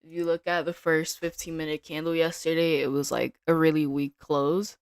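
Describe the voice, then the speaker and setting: Relaxed woman thinking aloud on stream. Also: sits low, normal speed, clear, resonant tone, dry recording, studio quality. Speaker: day trader streaming live. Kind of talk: casual live-stream commentary.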